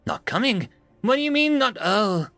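A cornered crime boss who blusters and panics in a high, strained voice, as a male narrator puts him on. The reading is close and dry, with a gravelly edge. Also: sing-song, normal speed, pushed and bright, no room sound, exaggerated voice. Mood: panicked.

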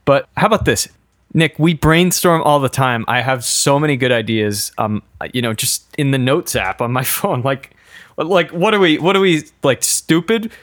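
A man's voice: medium pitch, normal speed, fairly bright tone, no echo. A man co-hosting a podcast in casual chat, dry and teasing, reading out old notes. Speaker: podcast co-host.

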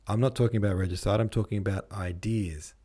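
A man voicing an excitable, provocative young man, talking earnestly. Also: fairly low pitch, fast, breathy edge. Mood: heated. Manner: earnest, heated.

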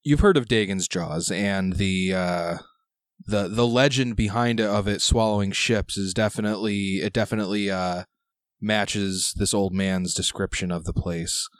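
A man working as game master, improvising narration in a halting, conversational way. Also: on the low side, dry recording, clean studio sound. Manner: halting, conversational phrasing with repeated "like".

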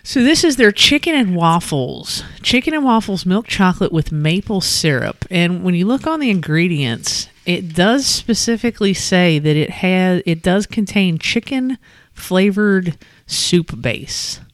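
A woman's voice: fairly low pitch, sing-song, a little slow, no echo. Woman, host, casual snack-tasting chat, filler-heavy, dry room. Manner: chatty, lots of fillers, reads labels aloud.

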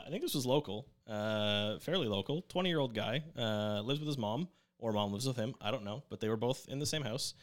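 A young man co-hosting a podcast in casual, rambling conversation. He jokes often and restarts his sentences, his voice sitting at an ordinary middle pitch. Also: a bit bright. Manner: joking, rambling, many fillers and restarts. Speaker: podcast co-host.

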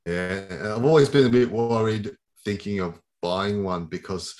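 A man hosting a casual chat, relaxed and brief in his remarks. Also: on the low side, a little slow. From Australia.

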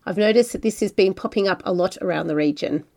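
Speaking quickly in a low, warm voice with vocal fry, an Australian woman hosts a wine travel podcast. She delivers her narration in a friendly, conversational tone, then eases into a casual interview with her guest.

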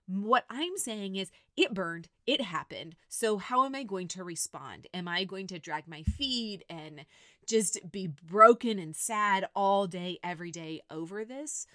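A woman's voice: mid-range voice, animated, measured pace, a bit bright, no room sound, studio quality. A woman in her thirties hosting a faith-based podcast, talking earnestly and directly to her listeners. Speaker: podcast host. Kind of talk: faith-based personal reflection.

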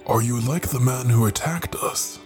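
A man's voice: medium pitch, moderate pace, darkish tone, faint music behind, lightly acted. A man voicing a stern immortal man with horns, asking blunt, demanding questions.

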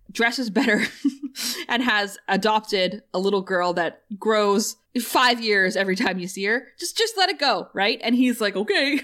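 Animated laughing young woman. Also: medium pitch. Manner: animated, laughs often, swears casually. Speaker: podcast co-host. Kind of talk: casual chat.

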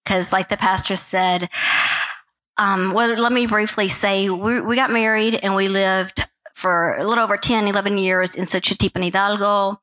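A woman's voice: mid-range voice, steady tone, normal speed, poor audio. A woman in her forties with a faint Southern accent, a missionary giving a rambling, good-humored testimony at church, laughing often. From Louisiana, US. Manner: warm, rambling, laughs often, says y'all. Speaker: missionary guest speaker.

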